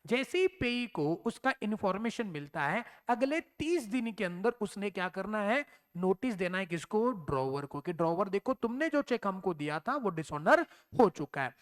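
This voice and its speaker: A man's voice: sits high, very animated, moderate pace, hardly any pauses. A male teacher giving a recorded exam-prep lecture, explaining step by step, asking and answering his own questions, and dropping in English terms.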